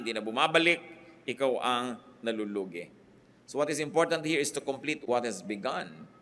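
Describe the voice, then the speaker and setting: A man's voice: medium pitch, bright, forceful tone, slight background noise. A middle-aged man preaching a sermon, emphatic and building his points in short lists, switching between two languages.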